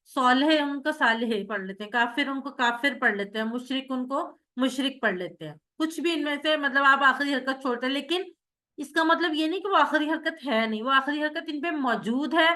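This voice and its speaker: A woman's voice: high-pitched, pushed and bright. A woman teaching Arabic grammar in an online class, explaining patiently step by step and calling on students.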